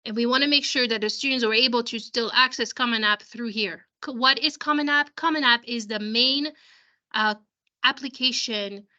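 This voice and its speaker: A school counselor with a fading voice explains a software walkthrough to parents via video call, repeatedly restarting what she's saying. Her voice runs on the high side.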